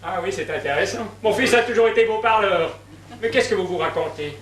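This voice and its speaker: A man's voice: high voice, fairly quick, a bit bright. A man playing a rambling, half-deaf old husband who mishears everything, in an amateur stage comedy. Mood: puzzled. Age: older. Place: theatre stage. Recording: echoey stage from far off, noisy.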